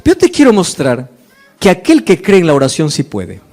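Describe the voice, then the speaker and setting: A man's voice: on the high side, wildly swooping pitch, moderate pace, a little mellow. A male pastor preaching a sermon, acting out dialogue and asking the congregation rhetorical questions.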